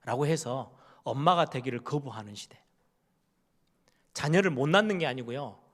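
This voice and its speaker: A man's voice: medium pitch, lively intonation, moderate pace. A middle-aged male pastor preaching a conversational sermon, asking the congregation questions and acting out what parents and children say. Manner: acts out parents' and children's words in quoted voices.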